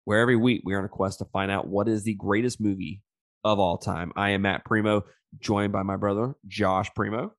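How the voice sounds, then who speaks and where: A man with a lowish voice that sounds stuffed up, as if pinching his nose and talking through his mouth. He hosts a casual movie review podcast with loose slang and swearing. The recording is close and dry. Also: steady tone, a little fast, no room sound. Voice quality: congested nasal, pinched-nose sound from blocked sinuses. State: stuffed up with a sinus infection. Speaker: podcast host.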